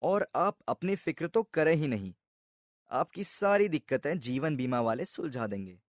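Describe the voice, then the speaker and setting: A man voicing a smooth-talking insurance officer in a storybook tale, lecturing persuasively. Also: fairly high pitch, expressive, moderate pace, dry recording, studio quality, lightly acted. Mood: reassuring, lecturing. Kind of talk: storybook voice acting.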